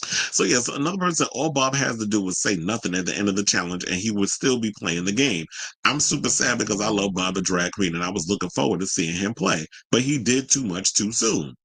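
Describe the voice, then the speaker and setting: Man, low husky voice, casual reaction commentary, colloquial phrasing, animated retelling with quoted lines. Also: a little fast, no echo, low-quality recording. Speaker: commentator recapping a reality show and reading viewer reactions.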